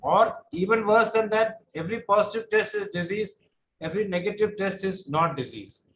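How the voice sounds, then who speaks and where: A high, slightly bright male voice at a moderate pace belongs to a middle-aged online lecturer with a droning style. Patient and explanatory, he answers questions step by step and repeats himself somewhat, with a little hiss or hum in the audio.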